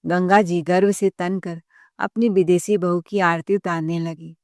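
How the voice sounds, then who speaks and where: A woman narrating a family story in a steady, plain reading voice. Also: fairly low pitch, a little slow, dry recording, clean studio sound.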